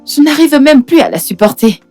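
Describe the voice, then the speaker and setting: Film dub: short-tempered young madam; piercingly high female voice, swinging intonation, scolding, haughty. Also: sing-song, a little fast, darkish tone, faint music behind. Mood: scornful, irritated. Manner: indignant, scolding, repetitive. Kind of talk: dubbed film drama.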